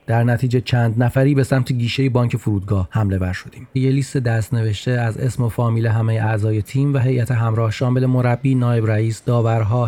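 Wry storytelling man, mellow voice. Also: mid-range voice. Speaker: narrator. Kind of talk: storytelling podcast narration.

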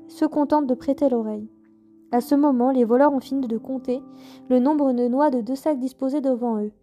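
A woman narrating a short traditional folk tale in a lively, clear storytelling manner. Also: high voice.

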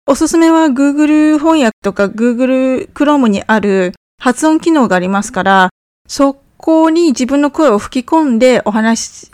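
In an English lesson, a woman with a fairly high, slightly mellow voice explains phrases and has learners repeat after her. Her delivery of the English lines is warm and encouraging. The audio is recorded close and dry, without any room sound.

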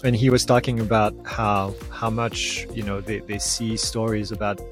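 A man co-hosting a podcast, talking in a relaxed, chatty way. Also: fairly low pitch, normal speed, over music. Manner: relaxed and chatty, with some stumbles. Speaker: podcast co-host. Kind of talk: casual podcast chat.

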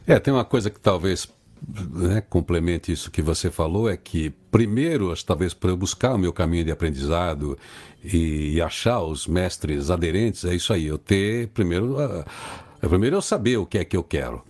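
A man in casual conversation, speaking in a measured, reflective way as he offers advice. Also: sits low, animated, darkish tone.

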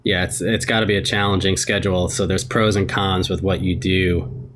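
A man's voice: low-pitched, level tone, normal speed, fairly bright tone. A man interviewing a guest in casual chat, asking questions in an easygoing way.

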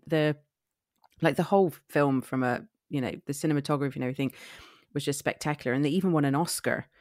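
A woman's voice: extremely low pitch, dry recording. Chatty West Country woman, close dry sound. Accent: West Country English, Somerset. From Somerset, England. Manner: blunt, sweary, chatty and animated in wording. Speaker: film podcast co-host. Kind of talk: casual film chat.

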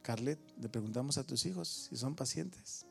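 Gravelly Mexican pastor questioning his flock. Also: mid-range voice, expressive, normal speed, fairly bright tone, soft background music. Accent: Mexican Spanish. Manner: asks the congregation many questions, teases listeners by name. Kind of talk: sermon. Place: church with a congregation.

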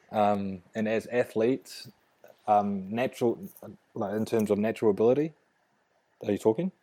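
A young adult rugby player with a broad New Zealand accent chats as an interview guest in a laid-back, slangy way. His voice is fairly low and mellow, at a normal speed.

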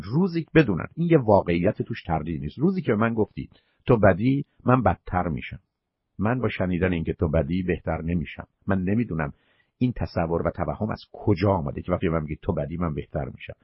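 A man's voice: low voice, breathy edge, dry recording, muffled recording. A man hosting a call-in advice show, lecturing the caller emphatically and at length. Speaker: radio psychology show host.

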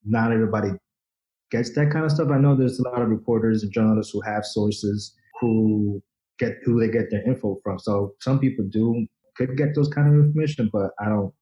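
A man in his forties from the Dominican Republic talks shop as a guest on a podcast. His voice sits low and mellow, and he speaks loosely, full of fillers, restarts and the odd curse. The recording sounds a little dull and lo-fi. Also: steady tone, fairly quick. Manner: loose and casual, many fillers and restarts, swears freely. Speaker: photojournalist guest. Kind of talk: casual interview chat.

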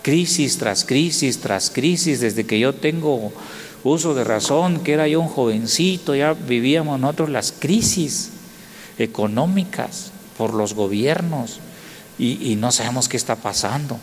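Mexican pastor preaching in a reverberant hall. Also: male voice, medium pitch, lively intonation, a little slow. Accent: Mexican Spanish. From Oaxaca, Mexico. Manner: storytelling, rising to loud indignant exclamations. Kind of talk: sermon. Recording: long hall reverb, faint noise.

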